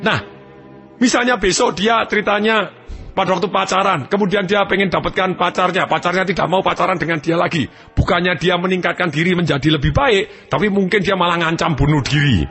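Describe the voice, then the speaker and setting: A man's voice: high voice, fairly quick, a bit bright, in a large hall, soft background music. A man giving a motivational seminar lecture, speaking animatedly and acting out examples.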